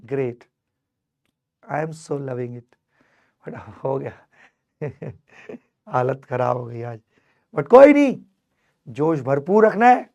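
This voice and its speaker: A man teaching an online chemistry class with a strained, fading voice. He speaks to his students warmly and fondly, mixing in English terms. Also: fairly high pitch. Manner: affectionate, calls students "my child", mixes English terms. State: losing his voice, strained throat. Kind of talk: energetic online class lecture.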